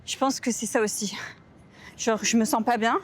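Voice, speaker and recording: A woman's voice: on the high side, fairly even intonation, normal speed. A young woman vlogging casually to camera, rambling and self-mocking with slang and fillers, upset and hungry. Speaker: travel vlogger. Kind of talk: casual vlog chat to camera. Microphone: camera mic.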